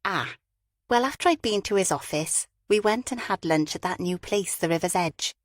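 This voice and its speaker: A woman's voice: on the low side, expressive, moderate pace, no echo, close to an everyday voice. A woman narrator puts on a reserved woman who sounds guarded and protests easily. The voice is only lightly lifted from the narrator's own and sits in a dry, close recording.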